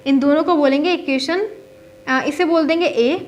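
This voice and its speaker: A woman's voice: high voice, moderate pace. A young woman teaching a maths lesson step by step, mixing with terms, asking and answering her own questions and checking in often.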